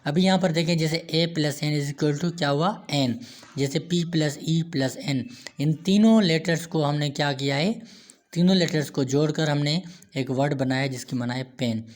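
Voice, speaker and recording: A man's voice: fairly high pitch, a little slow. A man giving a grammar lecture, repeating himself and answering his own questions as he goes. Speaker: teacher.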